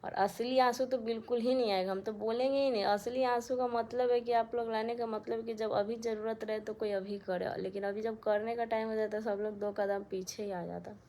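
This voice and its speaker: A woman's voice: a little high, fairly even intonation, a little fast, a little mellow. Young woman, casual home vlog, phone camera, chatty and aggrieved, talks to viewers, faint background hum. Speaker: vlogger. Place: small room at home, fan switched off. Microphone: phone camera held close.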